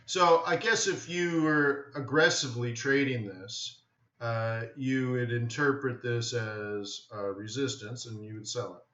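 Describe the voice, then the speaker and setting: A man with a medium-pitched, bright and forceful voice hosts a live trading webinar at a measured pace and with fairly even intonation. His commentary is casual and offhand; he thinks aloud and keeps checking in with "right?". The webinar audio sounds dull, roomy and echoey.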